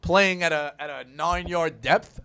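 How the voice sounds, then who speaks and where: A man in his thirties hosting a sports talk show, animated and telling stories with acted-out quotes. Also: a little high, unhurried, smooth. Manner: animated, storytelling, acts out quotes. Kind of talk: casual sports radio chat.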